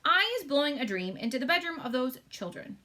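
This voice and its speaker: A woman voicing a big, gentle storybook giant who speaks wistfully in muddled, folksy grammar. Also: sits high, big pitch swings, brisk, pitched above the performer's own voice, heavily acted. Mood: proud.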